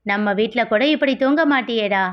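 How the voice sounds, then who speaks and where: A woman's voice: a little high, moderate pace, lightly acted. A woman voicing a bossy, teasing older sister in a storybook reading. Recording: dull lo-fi audio.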